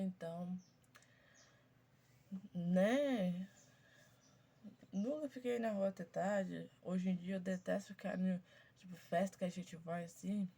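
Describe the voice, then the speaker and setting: A woman in her twenties with a stuffy, congested voice, chatting casually to her viewers as she slowly reads out questions and answers each one briefly. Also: on the low side, dark tone. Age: 20s. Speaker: YouTuber. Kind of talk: casual chat to viewers, reading out a question game.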